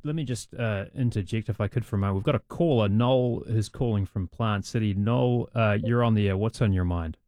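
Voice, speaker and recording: A smooth radio talk show host, a man with a lowish voice and a dry, close-miked studio sound. He asks his questions in a measured, conversational way and cuts in politely to move things along. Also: mellow, no room sound. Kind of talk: smooth radio host interviewing a candidate and taking calls.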